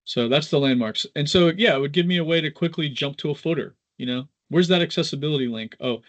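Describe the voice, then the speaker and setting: A man instructor giving a casual live software tutorial, informal and halting as he thinks aloud. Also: fairly high pitch.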